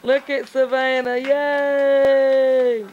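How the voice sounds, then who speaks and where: A woman's voice: sits high, flat delivery, very slow, a little mellow. A woman coaxing a small child in sing-song talk at home, heard on an old VHS home video. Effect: old VHS tape sound. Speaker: family member filming a child. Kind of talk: casual home-video chatter. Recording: muffled old VHS camcorder tape with hiss.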